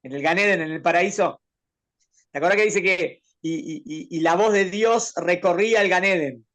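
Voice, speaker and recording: A man's voice: sits high, moderate pace, fairly bright tone. A rabbi teaching a Torah class to a student, explaining patiently and posing questions as he goes. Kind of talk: conversational Torah lesson with a student.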